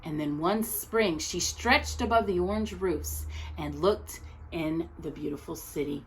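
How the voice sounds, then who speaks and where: A woman reads a children's picture book aloud like a storyteller, narrating expressively with deliberate, dramatic pauses between short phrases. Her voice sits on the low side, and the low-quality recording has a little hiss or hum.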